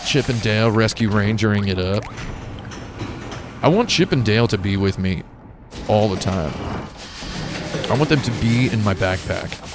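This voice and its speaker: A man's voice: on the low side, normal speed, long pauses, noisy background. A man streaming a video game with casual, rambling, slangy commentary full of exaggeration. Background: game music and dialogue.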